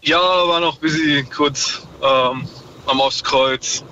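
Male caller on a car speakerphone, slightly higher voice, bright, musing and hesitant, muffled line with faint noise. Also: fairly even intonation, slow pace. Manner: musing, philosophical, hesitant with many fillers. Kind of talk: call-in radio chat. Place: in a moving car.

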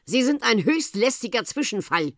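A woman voicing a grumpy, blustering male town policeman in a storybook reading, loud and officious. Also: medium pitch, lively intonation, a little slow, no room sound, studio quality, voice pushed up, close to an everyday voice.

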